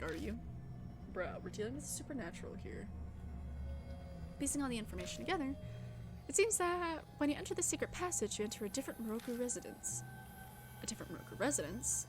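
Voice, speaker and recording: Woman streamer, fairly high voice, casual let's-play reader over game music. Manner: casual, slangy asides with swearing. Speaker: streamer playing a visual novel. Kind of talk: let's-play reading game text aloud.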